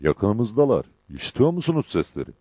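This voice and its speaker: A man's voice: on the low side, wildly swooping pitch, a little fast, husky, no echo, full character voice. A man doing a huge hot-tempered bandit sergeant. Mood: commanding. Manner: loud, cries out in pain.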